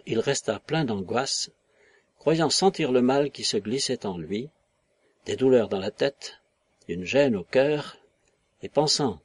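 A man narrating a novel in a measured, literary reading on a close mic. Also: mid-range voice, darkish tone, breathy edge, no echo. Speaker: audiobook narrator. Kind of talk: scripted narration.

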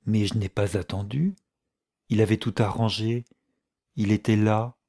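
A calm, reserved middle-aged woman, as a man reads her lines. She speaks softly and without hurry, in a low, mellow tone. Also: no echo, studio quality. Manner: soft, quiet, unhurried. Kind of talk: audiobook reading.

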